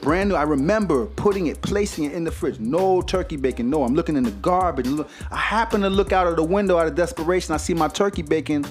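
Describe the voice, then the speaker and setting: A man telling a stand-up story on stage in slangy, animated speech. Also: a little high, fast, few pauses, faint music behind. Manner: slangy, animated, acts out the characters. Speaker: stand-up comedian.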